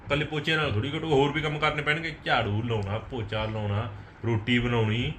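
A man's voice: mid-range voice, flat delivery, brisk, fairly bright tone. A man with a Punjabi accent bantering in a casual, jokey household vlog. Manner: teasing, jokey. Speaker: family vlogger. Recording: echoey, faint background noise.

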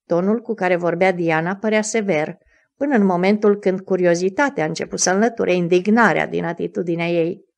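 Woman, audiobook narrator, measured even reading, scripted narration. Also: on the low side, vocal fry.

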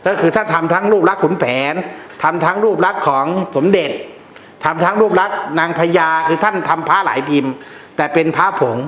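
A man's voice: fairly high pitch, a bit bright, echoey room. A man who teaches about amulets, explaining in a casual, blunt way with slang and jokes.

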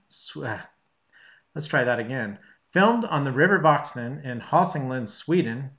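A man's voice: mid-range voice, a bit bright, roomy sound, muffled recording. A man hosting a film festival stream, introducing the next film and retaking a line after a slip.

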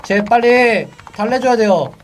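A young man commentating a horror game for viewers, chatty and excitable, yelping and shouting when the game spooks him. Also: very high voice, measured pace, recorded from a distance, slight background noise. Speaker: game streamer.

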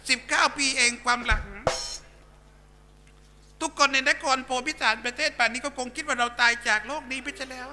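A man voicing a gentle, grieving older woman, an aunt, in a live shadow puppet drama. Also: extremely high pitch, fairly even intonation, moderate pace, faint music behind, voice pushed up, heavily acted. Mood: tearful tender.

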